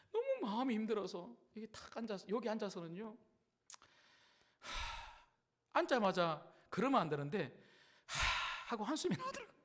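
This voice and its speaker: A middle-aged male pastor preaching a sermon, telling stories in an animated way that moves from hushed asides to loud, impassioned prayer. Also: sits high.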